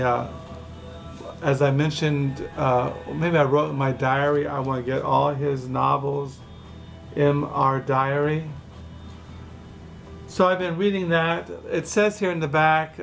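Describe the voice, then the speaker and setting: A man's voice: mid-range voice, gravelly. A man in his sixties from California, rambling through a casual home vlog with many fillers and restarts, recorded in his dining room. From California, USA. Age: 60s. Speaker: book vlogger. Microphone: camera mic.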